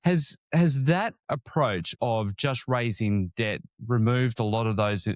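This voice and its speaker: A man's voice: medium pitch, slow pace, no echo. A man hosting an interview, putting questions to a guest. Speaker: interviewer, host.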